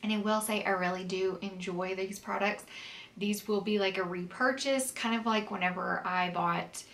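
A woman's voice: medium pitch, steady tone, moderate pace, fairly bright tone, recorded from a distance. A woman vlogger reviewing skincare in a chatty, casual way with many "um"s and "like"s, a little stuffy and sniffly from a cold. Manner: chatty, lots of "um" and "like". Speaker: beauty vlogger. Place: home, in winter with snow outside.

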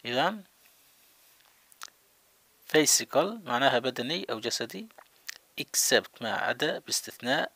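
Male language teacher, slow and patient repeater, gravelly tone. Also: mid-range voice, bright, forceful tone, no room sound. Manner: slow repetition of words, checking in. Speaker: English teacher. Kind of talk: vocabulary lesson.

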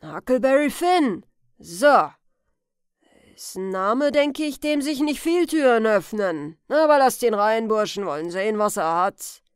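A gruff old farmer barks his questions loudly and bosses his sons about, as a woman reading a storybook puts him on. His voice is dry and close, with no room around it. He sounds wary of whoever is knocking at his door. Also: on the high side, animated, measured pace, no echo. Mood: gruff shouting. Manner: loud shouting. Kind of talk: audiobook character reading.

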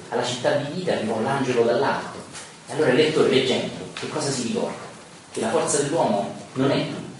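A man lecturing in a big, very echoey room, caught from well back with faint hiss behind him. He is enthusiastic, leans on asides to the audience, and slows down to declaim verses with weight. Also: medium pitch, distant mic. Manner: enthusiastic, rhetorical asides, reads verses slowly and emphatically. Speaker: lecturer on Dante. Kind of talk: live lecture with readings. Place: lecture room, recorded from afar.

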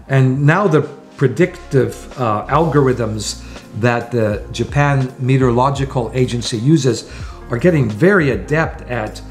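A man in his sixties talking to camera from a small room at home, explaining things earnestly point by point as a sailing vlogger. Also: medium pitch. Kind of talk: to-camera vlog talk.

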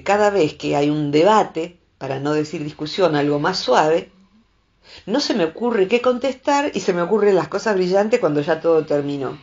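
A woman's voice: fairly low pitch, highs cut off. A woman psychologist with a Rioplatense Spanish accent gives reflective advice, acting out the voices she quotes. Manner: expressive, acts out quoted voices. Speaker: psychologist and columnist.

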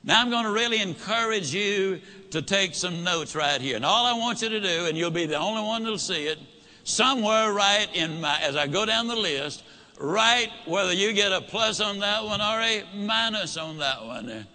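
A man's voice: high voice, lively intonation, moderate pace, bright, forceful tone. A man giving a motivational talk, telling a story and acting out both sides of a conversation. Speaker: motivational speaker.

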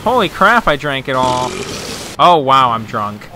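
A young man streaming a pirate game, joking in a playful pirate voice and swearing in loud excited bursts. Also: medium pitch, a little slow, slight background noise. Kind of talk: excited gameplay chatter with a mock pirate voice. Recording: game music behind the voice. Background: game music.

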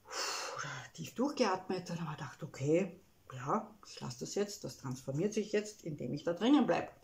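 Emotional Austrian woman, halting reflective talk. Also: on the low side, animated, creaky, darkish tone. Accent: Austrian German. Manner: emotional, halting, frequent "ja" tags. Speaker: spiritual self-help speaker.

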